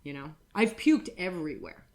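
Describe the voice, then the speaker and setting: A woman's voice: sits low, very animated, moderate pace, a little mellow. Rambling woman podcast host. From United States. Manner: rambling, frank and crude, with many fillers. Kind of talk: casual chat.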